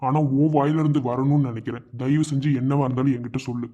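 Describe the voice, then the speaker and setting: A man's voice: medium pitch, fairly even intonation, fast talker, dark tone, lightly acted. A man voicing a male college student who earnestly reassures his fiancée and promises to protect her. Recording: dull lo-fi sound.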